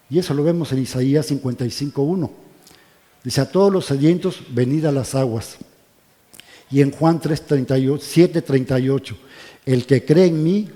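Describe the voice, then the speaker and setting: A man leading a church Bible study, often asking the listeners questions and dropping to soft, quiet tones on solemn points. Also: medium pitch. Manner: asks the congregation questions, checks in with "¿verdad?". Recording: long reverb of a church hall.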